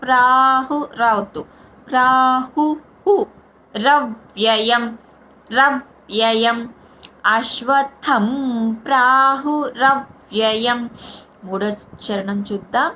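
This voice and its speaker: A woman's voice: high voice, extremely slow, long pauses, pushed and bright, rough recording. A woman with a Telugu accent teaching Sanskrit verse recitation, repeating each syllable and explaining stress and long vowels. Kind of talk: slow syllable-by-syllable chanting lesson.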